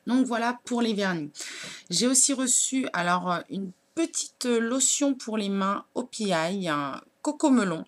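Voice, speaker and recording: A woman's voice: medium pitch, animated, measured pace. A woman, chatting casually as a beauty blogger while unboxing nail products, with lots of hesitant fillers. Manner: chatty, many fillers, shows products to camera.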